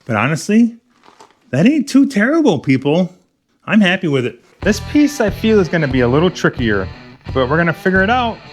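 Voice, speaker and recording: Soft music plays behind a garage channel host whose high voice swings widely in pitch at a slightly fast pace. He works and talks casually to himself and the viewers, with self-deprecating humor, muttered asides and occasional whispers.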